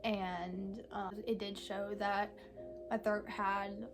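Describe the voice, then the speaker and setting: A young woman of eighteen speaks candidly straight to her viewers. She talks slowly and haltingly, with frequent fillers and pauses in a soft, mid-pitched voice. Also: level tone, over music. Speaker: vlogger. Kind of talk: casual personal vlog talk.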